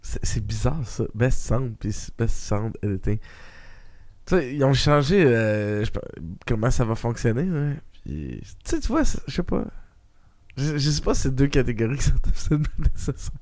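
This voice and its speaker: A man's voice: mid-range voice, normal speed, no echo. A man with a Québécois accent hosting a casual movie podcast, chatty and full of restarts. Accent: Québécois French. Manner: lively, chatty, restarts a lot. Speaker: podcast host.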